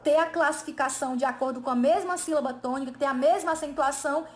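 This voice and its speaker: A Brazilian woman with a high voice teaches an exam review class. She explains patiently, often asking a question aloud and answering it herself, the way a teacher walks students through answers. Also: fast talker. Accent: Brazilian Portuguese. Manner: didactic, asks and answers her own questions. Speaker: Portuguese teacher.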